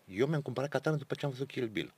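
A man's voice: mid-range voice, lively intonation, a little mellow, a little hiss or hum. A man co-hosting a casual podcast chat, telling long rambling stories and laughing often. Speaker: podcast co-host.

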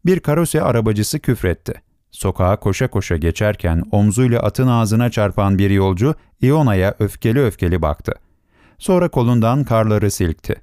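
Calm male audiobook narrator with a low, dry voice. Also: moderate pace, dry recording. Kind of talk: scripted narration.

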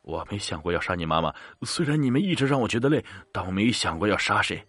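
A man's voice: fairly low pitch, very animated, quick pace, a bit bright, slightly rough, no room sound, full character voice. A man playing a grieving father who speaks in a choked, tearful, pleading way.

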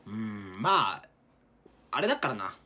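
Lively young man with a husky voice. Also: lowish voice, measured pace. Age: young adult. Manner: playful teasing, drops into silly bits. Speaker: podcast co-host. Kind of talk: casual comedic banter.

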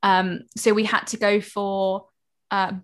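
A young woman who just finished university, chatting casually and pausing on "um" as she tells a story. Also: medium pitch, little pitch movement. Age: young adult. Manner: friendly storytelling with hesitant ums. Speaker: co-host. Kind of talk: casual chat.

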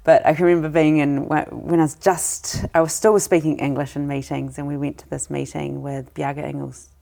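Low, gravelly woman in her thirties. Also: flat delivery, normal speed, dark tone. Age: 30s. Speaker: podcast co-host. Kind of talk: casual conversation.

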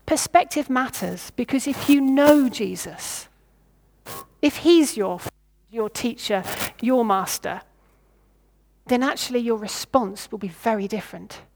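A woman with a fairly high voice preaches a sermon. She thinks aloud and asks her listeners what they would do. She sometimes stops and starts over her words. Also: unhurried, a little mellow, a little hiss or hum. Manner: reflective, asks the listeners questions.

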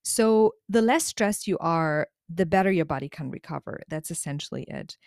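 Woman, slightly low voice, casual vlog monologue, emphatic and slangy, very dry close recording. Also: expressive, normal speed, a little mellow, no echo. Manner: informal and emphatic, with slangy exaggeration. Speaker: vlogger.

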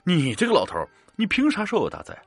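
A man's voice: medium pitch, wildly swooping pitch, a little fast, fairly bright tone, breathy edge, no echo, faint music behind, full character voice. A man voicing a brash, hot-tempered rich male gambler in a spoken ghost story. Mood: indignant. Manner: brash, indignant.

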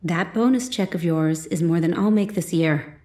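A woman voicing a blunt, resentful woman on the phone who speaks flatly and curtly in a storybook reading. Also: lowish voice, moderate pace, natural voice. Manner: flat, curt.

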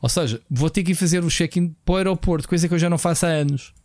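A man's voice: on the high side, very fast, a little mellow, no room sound, soft background music. A man with a European Portuguese accent co-hosting a podcast in an informal, slangy, conversational way. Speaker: podcast co-host. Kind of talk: casual chat.

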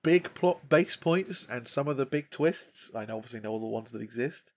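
Gravelly man, rambling podcast chat. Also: mid-range voice, lively intonation, normal speed, a little hiss or hum. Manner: rambling, jokey, many fillers. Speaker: podcast co-host and game master.

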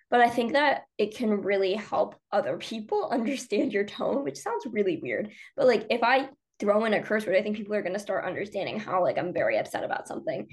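Young female podcast co-host, animated delivery with fry, casual. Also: mid-range voice. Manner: chatty, many fillers. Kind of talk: casual debate chat.

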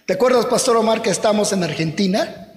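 A middle-aged man, preaching a fervent sermon and often breaking into shouts. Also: high-pitched, fairly quick, slight background noise. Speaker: pastor. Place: large church hall. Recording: echoey church hall with music.

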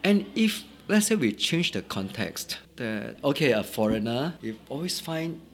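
A man from Singapore with a Singaporean accent, talking in a relaxed conversation and pausing often to think. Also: medium pitch, slight background noise. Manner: thoughtful, pausing often with "uh" and "right?". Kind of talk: casual conversation.

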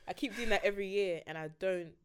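A woman's voice: mid-range voice, quick pace, clean tone. A woman of about twenty, speaking candidly in a casual chat and laughing often. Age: 20s. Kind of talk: casual chat among friends.

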